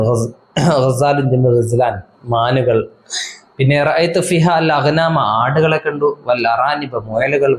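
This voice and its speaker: Man, Arabic class teacher, slow phrase-by-phrase reading, explains each line, mid-pitched voice. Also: a little mellow, low-quality recording. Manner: asks rhetorical questions of students. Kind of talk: textbook lesson explaining Arabic in Malayalam.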